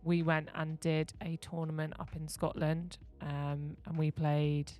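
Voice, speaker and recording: A woman, a basketball coach, telling stories in a relaxed podcast chat and laughing often. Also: low voice, measured pace.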